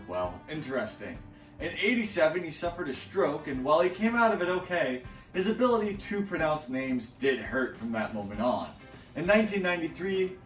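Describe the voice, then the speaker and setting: A male host reads his narration at an even pace, set back from the mic. The room adds a clear echo, and soft guitar music plays beneath. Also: mid-range voice. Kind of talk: scripted narration. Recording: echoey room, distant mic.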